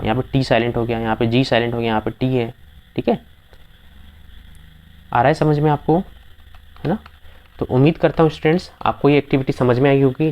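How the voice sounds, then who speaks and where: A male teacher gives a recorded lesson in a patient, repetitive way. He says each word slowly more than once and keeps checking that his students are with him. His voice sits at an ordinary middle pitch for a man. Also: a little mellow. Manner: patient, repeats words and checks understanding with students. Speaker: English teacher. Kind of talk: video lesson explaining word pronunciation.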